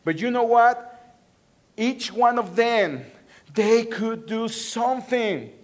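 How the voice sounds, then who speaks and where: A male pastor from Mexico City speaks at an extremely high pitch, expressively and slowly, in a Mexican Spanish accent. Preaching in church, he repeats phrases call-and-response style, shifting between loud and soft.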